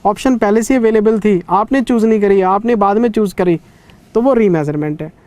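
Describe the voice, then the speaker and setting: A man's voice: sits high, moderate pace, a little mellow, dry recording. A man in his thirties teaching an accounting revision class in a conversational lecturing way, stern yet caring with students. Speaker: CA exam teacher.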